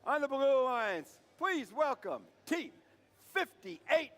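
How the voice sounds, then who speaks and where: A man's voice: very high-pitched, sing-song, takes it slowly, a bit bright, a little hiss or hum. A man announcing a live event as master of ceremonies, introducing teams in a showy, stretched-out way. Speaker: master of ceremonies at a robotics competition.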